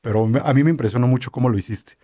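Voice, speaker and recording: A man's voice: medium pitch, rapid-fire, mellow, no echo, studio quality. A man interviewing a guest casually, recalling an event back to him with eager agreement. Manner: chatty, eager backchannel, recounts events to the guest.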